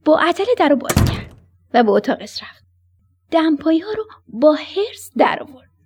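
With a voice that sits high, a woman narrates a children's bedtime story over the radio, warm and animated as she speaks to the kids.

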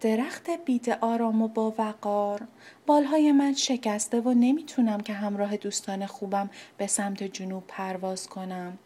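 A woman voicing a small injured bird that pleads slowly and gently for shelter in a children's story. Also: mid-range voice, steady tone, close to an everyday voice. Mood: pleading. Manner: slow, pleading. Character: timid little hurt bird, pleading softly.

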